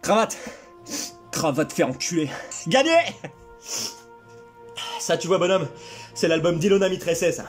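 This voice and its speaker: A man doing a crude comic sketch monologue, with mock-serious asides and sudden shouts. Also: on the high side, animated, measured pace, pauses often, faint music behind. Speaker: comedian parodying a survival show.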